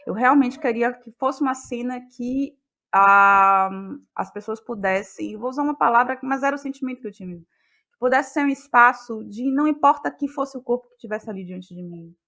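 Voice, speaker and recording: Her voice is a little high, bright and forceful, and she talks fairly quickly. As a guest in an interview, this playwright and actress from Bahia, Brazil, muses on her creative process, repeating words as she searches for them and her ideas form.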